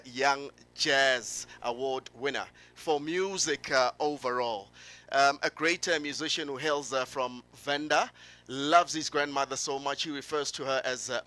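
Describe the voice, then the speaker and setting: A South African man who presents radio, announcing festival acts on stage with lots of filler pauses and bits of local languages. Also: mid-range voice, bright, forceful tone. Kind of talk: live event announcement.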